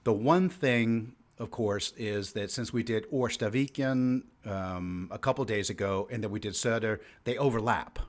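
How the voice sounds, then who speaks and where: A man's voice: on the low side, normal speed, few pauses. A man co-hosting a podcast in casual chat, rambling with many fillers and restarts. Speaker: podcast co-host.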